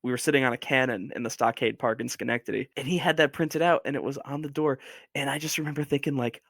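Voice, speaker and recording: A man guesting on a podcast, telling a story in a casual, animated way with lots of fillers. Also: mid-range voice, quick pace, gravelly, dry recording, clean studio sound.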